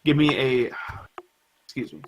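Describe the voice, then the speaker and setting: A man's voice: medium pitch, rough recording. Casual young man running a tabletop game. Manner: casual, halting with fillers. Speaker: game master.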